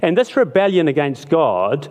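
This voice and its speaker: A man's voice: fairly high pitch, big pitch swings, moderate pace, darkish tone. Nz guy preaching, chatty storytelling, does little voices for the dialogue, big echoey hall. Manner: conversational, acts out short dialogue with restarts. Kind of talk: sermon with illustration story. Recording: long hall reverb.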